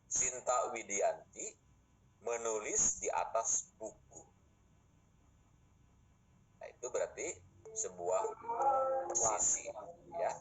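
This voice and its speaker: A man's voice: fairly low pitch, expressive, slow pace, long pauses, husky, low-quality recording. A middle-aged man lecturing his students in a classroom, explaining points patiently and posing rhetorical questions.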